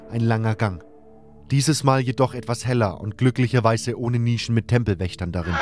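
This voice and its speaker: A man with a medium-pitched voice narrates a fantasy adventure in the first person. His delivery is scripted storytelling, with faint music playing behind him. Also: darkish tone.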